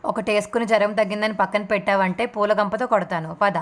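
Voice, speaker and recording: A woman voicing a gruff, protective husband who talks in a bossy, teasing way. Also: mid-range voice, fairly even intonation, fast talker, natural voice.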